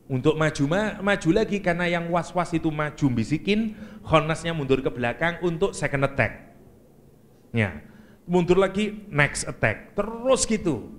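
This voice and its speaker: A man with a Javanese accent giving a joking, lively lecture on Quranic exegesis as an Islamic preacher. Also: on the high side, slight background noise. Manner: lively, joking, mixes Javanese and English words.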